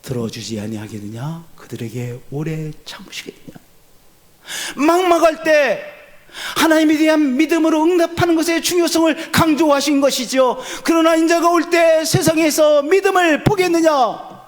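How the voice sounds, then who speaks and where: 60s pastor guy preaching, voice way up high, swings loud then drops to a hush. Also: moderate pace. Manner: swings from loud urgent peaks to low hushed endings; asks the congregation questions and answers them. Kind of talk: sermon.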